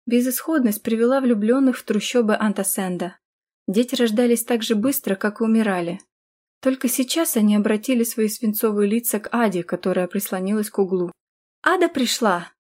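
A woman reading a fantasy audiobook in steady, scripted storytelling narration. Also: mid-range voice, brisk.

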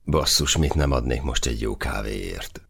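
A man's voice: a bass voice, lively intonation, vocal fry, a bit bright, breathy edge. A man reading a first-person novel aloud in a dry, earthy manner with casual swearing. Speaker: audiobook narrator.

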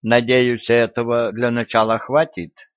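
A man doing a calm, dignified old patriarch. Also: medium pitch, clean tone, dry recording, close to an everyday voice. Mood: measured. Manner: slow, measured, fatherly. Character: elderly male patriarch, calm, dignified, shrewd. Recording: dry, dull lo-fi audio.

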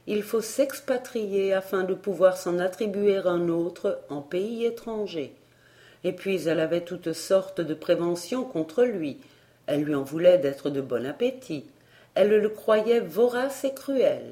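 A woman reading a fairy tale aloud as an audiobook narrator, in a steady, unhurried manner. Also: on the low side. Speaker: audiobook reader. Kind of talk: scripted storybook narration.

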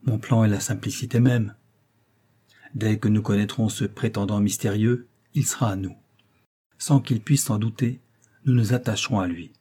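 A man's voice: mid-range voice, mellow, slightly rough, lightly acted. A man reading the part of a poor young painter who lays out his plan with earnest intensity.

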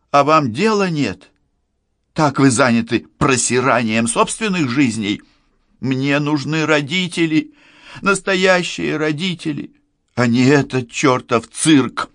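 A frightened, defiant teenage girl who is pregnant and desperate, as a male audiobook reader puts her on. Her voice sits high and cracks with emotion. It is recorded dry and close. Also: a bit bright, no echo. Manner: raised pitch, cracking emotional delivery.

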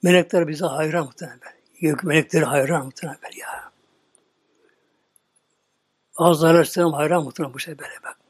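A male preacher retelling a story in a slow, dramatic sermon, often dropping into a whisper. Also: on the high side, steady tone, husky, dry recording, clean studio sound.

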